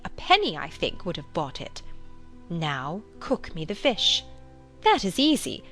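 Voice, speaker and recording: A woman's voice: mid-range voice, fairly bright tone. An actress playing a scatterbrained, good-natured storybook queen in a theatrical, singsong manner. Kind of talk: dramatized storybook recitation and dialogue. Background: music.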